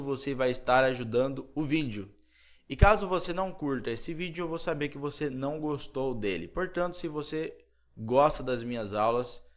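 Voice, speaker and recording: A man with a Brazilian Portuguese accent from Mato Grosso, teaching an English lesson and repeating words to drill them. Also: mid-range voice.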